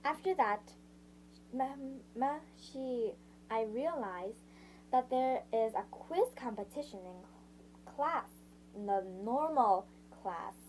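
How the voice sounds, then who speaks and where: A woman's voice: a little high, expressive, darkish tone, a little hiss or hum, low-quality recording. A woman reading a novel aloud in the first person, stumbling, restarting lines and stopping to sum up parts in her own words. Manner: halting, frequent restarts and self-corrections. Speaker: audiobook reader. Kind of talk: amateur read-aloud narration.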